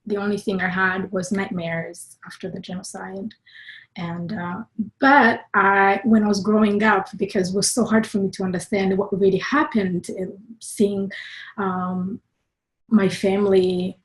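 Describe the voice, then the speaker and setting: A woman in her twenties from Rwanda, telling her own story as an interview guest, soft-spoken and hesitant, with many pauses and fillers. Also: medium pitch, level tone, low-quality recording.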